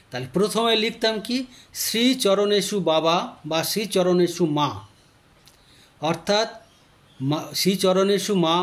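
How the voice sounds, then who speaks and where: Slow, high-voiced man teaching grammar. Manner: slow, deliberate explaining that stretches out key words. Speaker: teacher explaining Bengali grammar. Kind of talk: slow explanatory lesson with recited verse.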